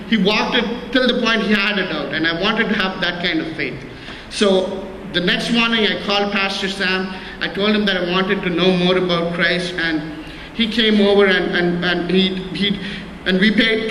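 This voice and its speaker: In a church hall, a man gives his church testimony earnestly and plainly, his high voice pushed and bright. He speaks haltingly, restarting often and repeating words. The hall is echoey, with faint noise in the recording.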